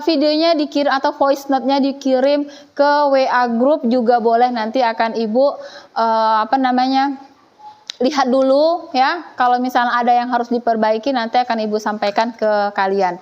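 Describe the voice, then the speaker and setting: A woman teacher leading a classroom, questioning and gently teasing her students as she runs the lesson. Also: sits high, muffled recording. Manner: playful, teasing, coaxing students.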